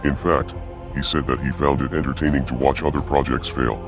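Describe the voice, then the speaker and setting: A man delivering a scripted video statement as an anonymous hacktivist spokesman, in a menacing, measured voice that is disguised and pitched very deep. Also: level tone. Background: music.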